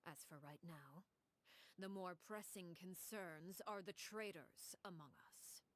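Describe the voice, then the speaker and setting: A woman voicing a cold, commanding female leader in a game, speaking in a hushed, breathy whisper with calm menace. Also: lowish voice, slow. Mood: menacing calm.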